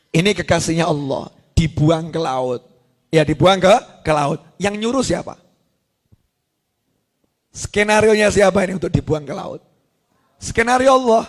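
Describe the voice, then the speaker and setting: A man preaching an Islamic sermon, telling a prophet's story with acted-out voices and jokes aimed at the women in the audience. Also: fairly high pitch. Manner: lively storyteller, acts out quoted voices, jokes with the women listeners.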